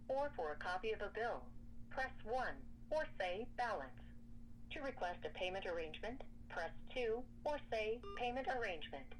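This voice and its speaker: A woman reading scripted automated phone menu prompts in a measured, formal manner. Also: mid-range voice. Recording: noisy telephone line recording.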